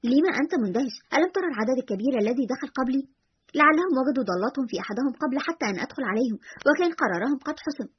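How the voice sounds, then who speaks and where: A woman narrator doing a sarcastic young man from a spoken story. He is dry and mocking and talks very fast, with a husky voice. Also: high-pitched, animated, lo-fi sound, heavily acted. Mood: sardonic. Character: sarcastic, defiant young man who smokes.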